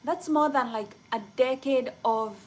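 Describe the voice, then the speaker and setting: Young kenyan woman rambling on a live chat, kinda high voice, slow, lots of "like". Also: rough recording. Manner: rambling, many "like" fillers, excitable. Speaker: livestreamer chatting with viewers.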